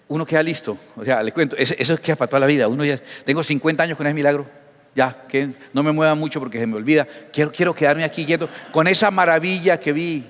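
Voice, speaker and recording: A man, a pastor giving a sermon in an animated storytelling manner with acted dialogue. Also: on the high side, in a large hall.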